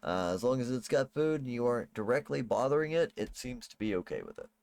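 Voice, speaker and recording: A man working as game master, improvising tabletop game narration in a casual, halting way. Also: mid-range voice, huge pitch swings, gravelly, darkish tone, dry recording.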